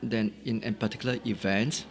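A man's voice: lowish voice, fairly even intonation. Thoughtful Singaporean man in casual chat. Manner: thoughtful, pausing often with "uh" and "right?". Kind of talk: casual conversation.

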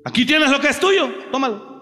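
A man voicing a fearful, lazy male servant who pleads and makes drawn-out excuses. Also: extremely high pitch, expressive, pushed and bright, heavily acted. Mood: pleading. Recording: long hall reverb, faint music.

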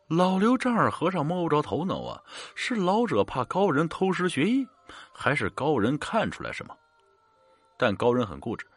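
A man narrating a ghost story in a relaxed, colloquial manner. His voice is husky, and his pitch rises and falls dramatically. The sound is dry and close to the mic. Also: no room sound. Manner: colloquial storytelling with drawn-out particles.

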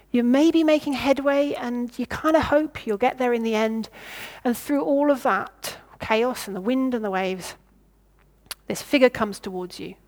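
A woman with a fairly high, slightly mellow voice preaches a sermon, thinking aloud in a reflective way. She asks her listeners what they would do, and now and then stops and starts her words over.

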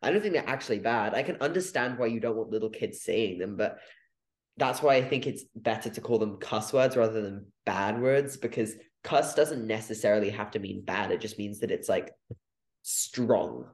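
A man's voice: lowish voice, lively intonation, normal speed, reverberant. A young man co-hosting a podcast, talking casually and playfully with lots of fillers. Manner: chatty, many fillers, playful. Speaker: podcast co-host. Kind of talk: casual debate chat.

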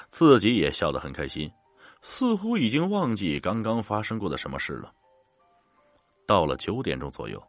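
A man narrating a scripted story in an expressive, rising and falling way. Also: sits low. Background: faint background music.

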